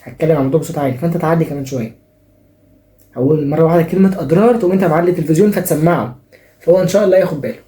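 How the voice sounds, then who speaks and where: A young man with an Egyptian Arabic accent hosts a comic advice show at a quick clip, teasing and playfully sarcastic. His voice is mellow and relaxed. The room adds a noticeable echo. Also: on the high side. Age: young adult. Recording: echoey room.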